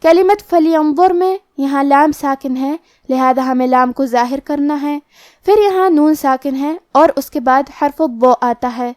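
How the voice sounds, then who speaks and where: A woman teaching the rules of Quran recitation in a scripted lesson, explaining each rule step by step and reciting the words slowly. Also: sits high, darkish tone, no echo, studio quality.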